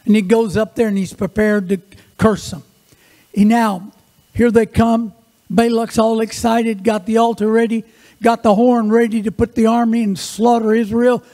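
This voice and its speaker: A male preacher giving a sermon in church, telling Bible stories in a lively, folksy way with joking asides. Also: sits high, normal speed. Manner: animated, folksy storytelling with asides. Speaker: guest preacher.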